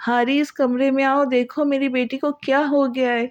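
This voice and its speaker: A woman's voice: high voice, little pitch movement, highs cut off, close to an everyday voice. A woman voicing a grieving elderly mother who pleads and cries out to her daughter. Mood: pleading. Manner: pleading, crying out.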